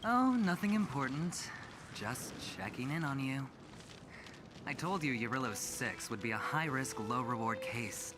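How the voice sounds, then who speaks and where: Man voicing smug charming gambler, teasing, lively pitch, noisy game audio. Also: a little slow, lightly acted. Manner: teasing, smooth-talking. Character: smug charming young male gambler executive.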